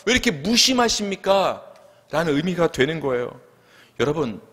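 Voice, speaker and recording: A man with a notably high voice preaches earnestly, asking rhetorical questions and pausing on "uh" as he reasons through his point. His words carry the long reverb of a church hall. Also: a bit bright. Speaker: pastor. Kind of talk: sermon. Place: church sanctuary.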